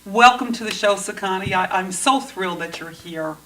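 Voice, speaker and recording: A woman's voice: medium pitch, normal speed, a bit bright. Effusive female roving reporter, heard off-mic with faint hiss. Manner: gushing, effusive. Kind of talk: on-location interview hosting. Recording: distant mic, faint noise.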